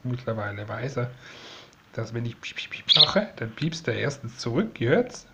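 A man talking softly and doting to a young sparrow he is raising, coaxing it and explaining to viewers in a casual home video. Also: mid-range voice, big pitch swings, moderate pace, creaky, very noisy. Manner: coaxing, soft and doting, often dropping to a whisper. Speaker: vlogger raising a rescued sparrow. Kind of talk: casual talk to a bird and viewers. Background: sparrow chirping.

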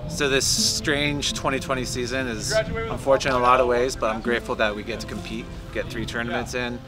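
A man from California talks fluently and with enthusiasm to camera on a beach. His voice is somewhat low. Loud music runs beneath his words the whole time. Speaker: professional beach volleyball player. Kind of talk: upbeat product testimonial. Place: sandy beach outdoors. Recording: loud music bed under the voice.

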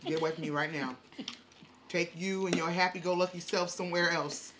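Brief: home mukbang host, woman, 40s, animated and chatty, slightly low pitch, faint room noise. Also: a little fast. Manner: animated, chatty, acts out her own reactions. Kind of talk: casual storytelling to viewers while eating. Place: home dining room, indoors. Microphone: camera on the table in front.

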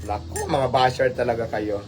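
A man's voice: mid-range voice, steady tone, normal speed, noisy background. A man from the Philippines with a Filipino accent, talking casually to his live-stream viewers, exasperated and rhetorical, dropping English phrases into his speech. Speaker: livestream host.

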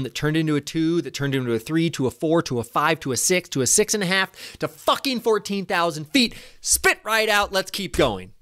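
Guy in his 30s hyped up replaying his flight, kinda high voice, dry close desk mic, swears when it gets good. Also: clear, resonant tone, dry recording. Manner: enthusiastic, casual, swears when excited. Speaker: paragliding vlogger. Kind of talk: flight-report commentary over map replay. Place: small indoor room at a desk. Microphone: desk microphone in front.

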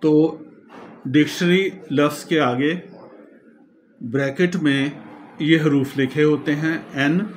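Slow-spoken male teacher. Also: a little high, a little hiss or hum. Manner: slow, explanatory, spells words out letter by letter. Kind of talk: classroom lecture.

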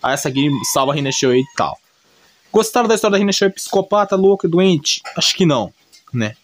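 A video creator's high-ish, expressive voice moves briskly through an anime recap, carrying a Brazilian accent. His unscripted commentary is laid-back, colloquial, and repetitive, regularly dotted with little check-in tags.

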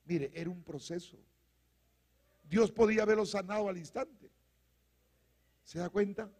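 A male pastor preaching a fiery sermon, calling out to the congregation and rising to shouts. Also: high-pitched, a little slow. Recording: long hall reverb.

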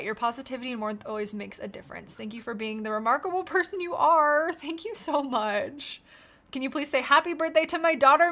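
A young American woman with a slightly high, sharp-toned voice hosts a casual YouTube livestream. She is bubbly and reads viewer comments aloud from the chat.

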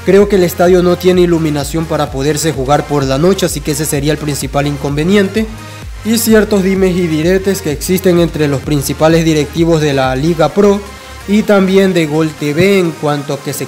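A young man talks through football news for his fan channel in a loose, conversational way. His voice sits a little on the high side, and he often hesitates and restarts. Faint music plays quietly behind him. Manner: conversational, frequent fillers and restarts. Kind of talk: casual fan news commentary.

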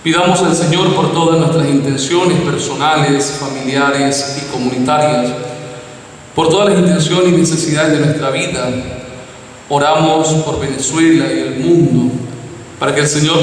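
A man presiding at Mass, leading prayers in a measured, solemn way, his voice ringing with cathedral echo. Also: on the high side, fairly even intonation. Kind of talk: liturgical prayer. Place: large church. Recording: echoey church, far from mic, faint hiss.

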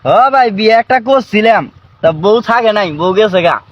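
High-voiced brash young man. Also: expressive, a little slow, lo-fi sound, a little hiss or hum. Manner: brash, challenging, then chatty. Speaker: comedy sketch actor. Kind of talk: comic sketch dialogue.

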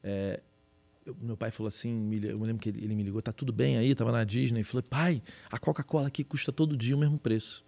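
Fast-talking Brazilian podcast host. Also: male voice, medium pitch, steady tone, creaky, dark tone. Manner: fast, loose and chatty, with lots of slang. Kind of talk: casual chat.

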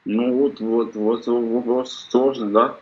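A middle-aged man on a video call keeps hammering the same questions and insists on a straight answer. His voice is of ordinary pitch, and it comes through a somewhat dull, lo-fi call line. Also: level tone, slow. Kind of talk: heated casual argument.

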